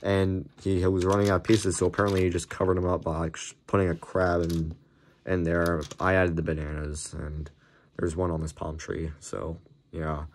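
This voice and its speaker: A young man who makes Lego videos on YouTube rambles casually through a show-and-tell of a toy build at a table in a small indoor room, full of fillers and restarts. His deep voice is cracked and slightly hoarse, delivered flatly at a moderate pace. A camera filming his hands over the desk picks him up, with a little hiss or hum.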